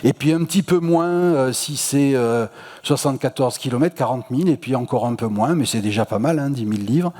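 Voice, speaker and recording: Chatty lecturer with a Marseille accent. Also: male voice, mid-range voice, fairly quick, warm tone. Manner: chatty, slangy, many hesitations. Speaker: public lecturer. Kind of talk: casual popular-science talk. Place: lecture hall at an astronomy festival. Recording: reverberant lecture hall.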